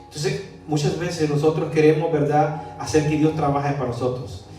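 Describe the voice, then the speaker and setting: A male pastor preaching a sermon, swinging between emphatic declarations and quiet, confiding storytelling. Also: steady tone, moderate pace. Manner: preaching with rising emphasis, then dropping to a low confiding tone for anecdotes. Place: church hall. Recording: echoey church hall, mic from a distance, faint music.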